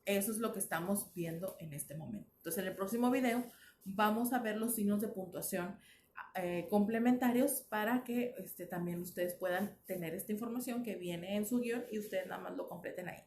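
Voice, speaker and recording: Mexican woman teacher, warm and mellow tone, patient explainer, roomy echo with faint hum. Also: mid-range voice, normal speed. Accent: Mexican Spanish. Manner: patient explaining with frequent checks for understanding. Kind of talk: recorded video lesson.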